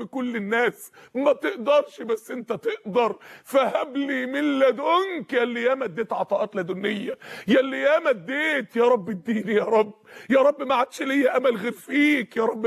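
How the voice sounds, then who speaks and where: A man's voice: very high-pitched, vocal fry, heavily acted. A man voicing an aged male prophet who pleads with God for a son, speaking with an Egyptian Arabic accent and tearful, repeated cries.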